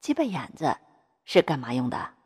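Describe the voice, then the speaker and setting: 有声小说里一个粗鲁跋扈的中年男行长，由一位女性朗读者演绎。声音偏低、起伏很大，嗓音沙哑带气声，整体笼罩在长长的大厅混响里。. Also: female voice, sits low, big pitch swings, normal speed, a little mellow, breathy edge, long reverb tail, pitched below the performer's own voice, exaggerated voice. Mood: mocking. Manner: vulgar, bossy, swaggering. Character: crude, coarse-mouthed middle-aged male bank official.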